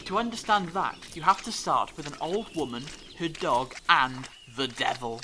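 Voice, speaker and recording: A man acting an eccentric, curious time-travelling alien adventurer in a fan audio drama, telling things theatrically with dramatic pauses. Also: a little high, sharp tone, a little hiss or hum. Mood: dramatic storytelling.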